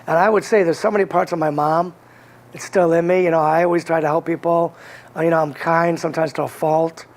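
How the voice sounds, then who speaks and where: His pitch runs somewhat high, his intonation fairly even, and his pace brisk. The man, from Connecticut with a slight Boston accent, is an interview guest recounting his life in a casual, earnest, rambling way full of restarts.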